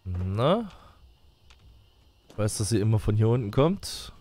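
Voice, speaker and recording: Lowish-voiced man musing through a let's play. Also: sing-song, a little slow, a little mellow, a little hiss or hum. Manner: colloquial, musing to himself. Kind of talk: casual let's play commentary.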